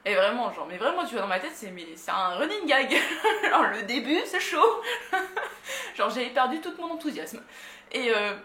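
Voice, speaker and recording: A woman's voice: a little high, sing-song, moderate pace, sharp tone, a little hiss or hum. Chatty young woman in a roomy space. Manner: slangy, chatty, laughs often. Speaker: vlogger. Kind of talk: casual storytime. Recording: roomy echo.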